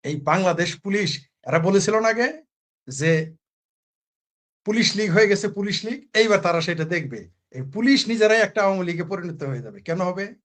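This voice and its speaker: A man's voice: high voice, expressive, moderate pace, long pauses, fairly bright tone. A man from Bangladesh speaking as a political commentator in a heated talk-show argument, full of rhetorical questions and repeated phrases.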